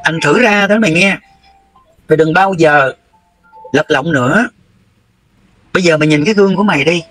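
A man's voice: a little high, normal speed, a bit bright, faint music behind, poor audio. A middle-aged man with a Southern Vietnamese accent, delivering a heated, confrontational livestream rant and scolding someone bluntly. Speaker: livestream host.

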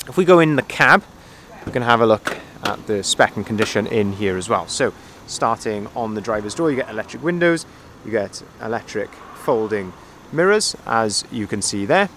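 A man who manages van sales, giving a walk-around tour of a van outdoors at a dealership while filming it by hand. He talks in a relaxed sales patter with plenty of fillers. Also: medium pitch, slight background noise. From Wales. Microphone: camera held by the speaker, filming by hand.

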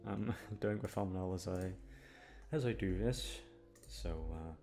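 Over soft background music, a man with a low, creaky, slightly mellow voice talks unhurriedly to his listeners, rambling, complaining in a gloomy way, and swearing freely. He hosts a channel and does audio voice acting.

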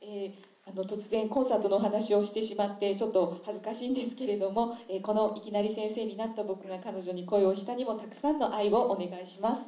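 Brief: female stage interpreter, fast and polite, warm darker tone. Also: mid-range voice, steady tone, reverberant, a little hiss or hum. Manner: quick, measured, polite. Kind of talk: consecutive interpreting. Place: theater stage.

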